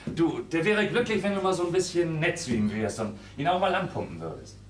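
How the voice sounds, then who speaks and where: An actor playing an exasperated, blustering young lodger in a stage comedy, heard from afar on an echoey stage. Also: male voice, a little high, very animated, fairly quick, recorded from a distance, a little hiss or hum. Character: exasperated young lodger trying to end an affair. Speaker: Fred, furnished-room lodger.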